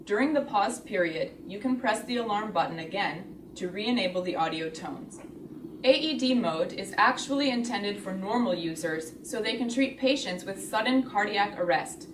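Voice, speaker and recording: A woman reading a scripted product tutorial in a measured, step-by-step explanatory way. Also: medium pitch, animated. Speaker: instructional video narrator. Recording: roomy, distant, clearly noisy recording.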